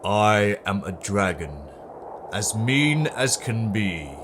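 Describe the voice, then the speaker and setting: A storybook narrator voicing a mean, hungry male dragon with drawn-out, relishing menace. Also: low-pitched, big pitch swings, background noise, full character voice. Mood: menacing, boastful.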